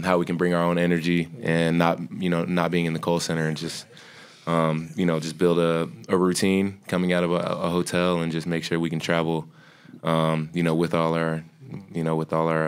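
A young college basketball player answering a question at a postgame press conference, hesitant and full of fillers. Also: male voice, sits low, completely flat delivery, brisk, clean tone. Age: young adult. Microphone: table mic.

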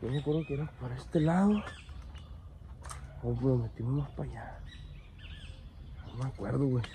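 Filming a casual vlog on his handheld phone at a cemetery, a young man rambles in slang as if half asleep. He speaks at normal speed with a medium-pitched, warm voice, and there's a little hiss or hum.

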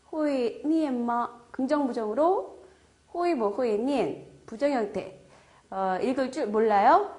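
A woman's voice: a little high, a little mellow. A woman teaching a beginner language lesson, patiently repeating each phrase and breaking it down step by step.

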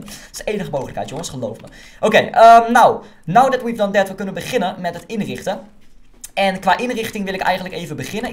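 Young guy rattling off minecraft commentary, hyped and chatty, english slang thrown in, talks super quick. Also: on the high side. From Netherlands. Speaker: gaming YouTuber. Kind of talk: casual Minecraft let's-play commentary.

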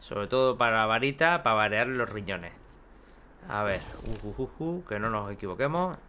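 A man giving chatty, excitable gameplay commentary with casual swearing. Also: lowish voice, moderate pace, slight background noise. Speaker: gaming video host.

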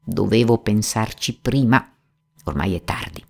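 A woman's voice: extremely low pitch, sing-song, normal speed, dark tone, breathy edge, full character voice. A woman reading aloud and voicing an old male woodcarver who mutters and grumbles to himself. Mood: musing aloud. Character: old male woodcarver, gruff but tender-hearted.

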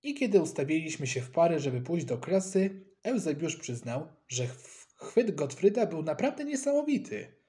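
A man reading a children's story aloud with lively, expressive narration. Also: on the high side, moderate pace, few pauses.

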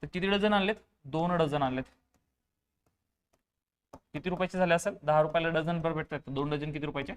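A man's voice: fairly high pitch, brisk, pauses often, clear, resonant tone. Man teaching math, repeating every step. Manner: repeats key phrases, asks questions and answers them himself; patient step-by-step explaining. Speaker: exam-prep teacher. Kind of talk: online math lesson.

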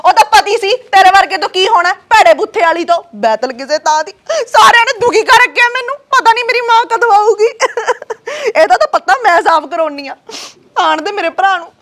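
A woman's voice: very high voice, animated, a little fast, a bit bright. A woman with a Punjabi accent playing a tearful married sister who wails and quarrels with her sister-in-law. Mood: angry. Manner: wailing, quarrelsome. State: crying. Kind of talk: Punjabi web-series acting.

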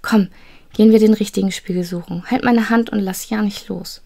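A woman's voice: mid-range voice, fairly even intonation, moderate pace, vocal fry, dark tone, no echo. A woman voicing a brave, fiery young girl who gives urgent, bossy orders, in a storybook reading. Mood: angry.

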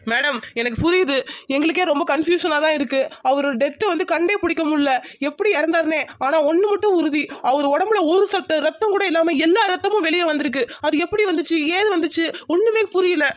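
This is a determined male police inspector in an animated crime story. He questions people firmly and keeps insisting on answers. The voice sits high and sounds close and dry. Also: brisk, dry recording, lo-fi sound. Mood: reassuring. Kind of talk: cartoon voice acting.

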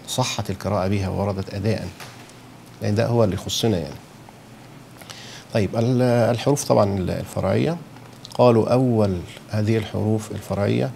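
A man's voice: lowish voice, vocal fry, dark tone, a little hiss or hum. A man with an Egyptian Arabic accent teaching a lesson on letter sounds, often checking that listeners follow and saying the sounds aloud to show them. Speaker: Quran recitation teacher. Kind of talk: explaining a lesson.

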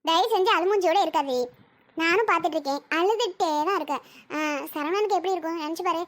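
A performer playing the bride's bossy young female friend in an amateur family drama skit, brisk and scolding. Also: very high voice, a bit bright. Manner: scolding, brisk, talks quickly.

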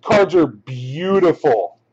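Excitable male card break host on a live stream with a high, animated voice and a slow delivery. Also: dull audio. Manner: excitable, laughing, exclamatory.

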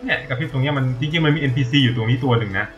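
A man's voice: mid-range voice, rapid-fire, fairly bright tone, highs cut off, faint music behind. A man giving casual, rambling gameplay commentary as a tutorial streamer, thinking aloud and swearing now and then.

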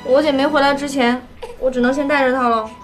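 A woman voicing a sharp-tongued but soft-hearted young woman in a TV drama. Her voice sits very high and moves quickly. She scolds as she talks, with drama score music playing clearly underneath. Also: steady tone, close to an everyday voice. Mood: anxious. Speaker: lead character. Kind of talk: TV drama acting.

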